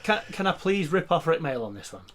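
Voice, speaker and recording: Higher-voiced British man telling dad jokes. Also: big pitch swings, brisk, fairly bright tone. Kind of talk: casual joke-swapping among friends.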